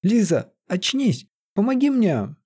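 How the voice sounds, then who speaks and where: A man's voice: on the high side, expressive, normal speed, warm tone, husky, pitched above the performer's own voice. A man voicing an earnest young male sorcerer and warrior, who speaks in an urgent, pleading way in an audiobook, his voice raised somewhat above his own.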